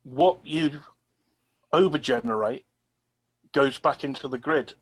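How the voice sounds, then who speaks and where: Man, glitchy breaking call audio, patient explainer, mid-pitched voice. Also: slow pace, rough recording. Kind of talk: casual tech talk show discussion.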